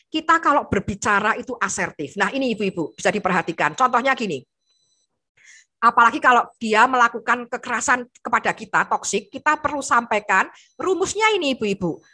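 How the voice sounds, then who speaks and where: A woman from Indonesia giving a lively teaching talk to a women's group, often addressing the audience directly and acting out sample dialogues. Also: fairly high pitch. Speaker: speaker at a women's ministry event.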